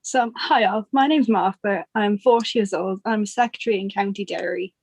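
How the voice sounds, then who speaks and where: A woman's voice: medium pitch, moderate pace, a little mellow, husky, no echo. A woman playing a polite, slightly flustered forty-year-old secretary on a group video call. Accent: Irish.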